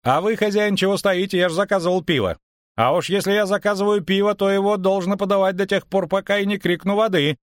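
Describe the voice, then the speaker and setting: Man voicing a cheeky high-voiced bard. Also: fast talker, no echo, studio quality, lightly acted. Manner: bright, cheeky. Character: cocky lively young male bard.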